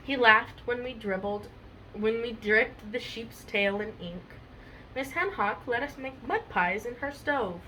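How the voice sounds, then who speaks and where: Young woman reading kids books out loud, chatty, bright voice, a bit high. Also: measured pace, a little hiss or hum, poor audio. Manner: chatty, many fillers. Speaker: storybook reader. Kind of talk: casual chat and read-aloud storytelling.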